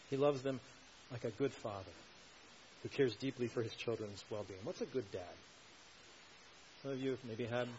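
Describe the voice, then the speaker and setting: A man's voice: medium pitch, a little mellow, lo-fi sound, a little hiss or hum. Man preaching an earnest sermon. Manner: earnest, rising to emphatic questions. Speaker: pastor.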